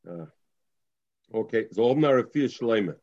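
A man's voice: lowish voice, animated, moderate pace, warm tone, dull audio. A man with a Yiddish-inflected accent teaching an informal Talmud lesson, reading and explaining, often repeating and restating phrases. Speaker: religious teacher.

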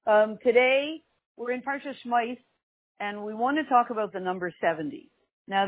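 The speaker is an older woman, a religious teacher hosting a class, whose husky voice sits at medium pitch. Her informal lesson is conversational and wryly humorous, with phrases repeated for emphasis, and the sound is tinny and narrow like a phone line.

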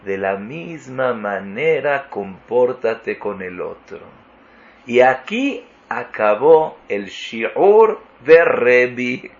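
A man teaches a Torah class in a study hall. His delivery is unhurried and middle-pitched, animated, and packed with rhetorical questions. The recording sounds muffled and lo-fi. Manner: animated, asks rhetorical questions, acts out dialogues. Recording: dull lo-fi recording.

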